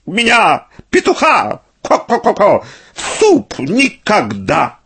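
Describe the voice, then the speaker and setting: A man voicing a proud, pensive old rooster who speaks slowly and solemnly in a husky voice. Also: sits high, huge pitch swings, fairly bright tone, pitched above the performer's own voice, exaggerated voice. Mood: boastful. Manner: slow, solemn, pompous.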